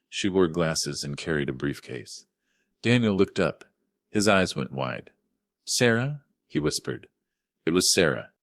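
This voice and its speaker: An older man narrating a first-person family drama story in a steady, measured way. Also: extremely low pitch, no echo, clean studio sound.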